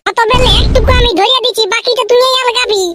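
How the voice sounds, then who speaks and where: A man voices a whiny, excitable village schoolboy, a lazy exam student, in a comic cartoon, speaking quickly with a Purulia Bengali accent. The voice is pitch-shifted up and rustic, whining and complaining, on a very noisy track full of ambient sound.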